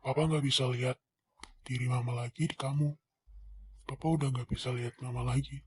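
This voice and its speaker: A man voicing a loving, remorseful father in a fan voice drama, speaking gently and soothingly. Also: mid-range voice, little pitch movement, fairly quick, a little hiss or hum, close to an everyday voice. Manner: gentle, soothing, drops to whispers.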